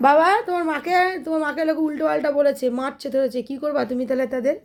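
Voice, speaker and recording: A woman's voice: high voice, steady tone, rapid-fire, a little mellow. A young woman, chatting to viewers at home in a casual vlog and scolding her child. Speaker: vlogger. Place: home, indoors.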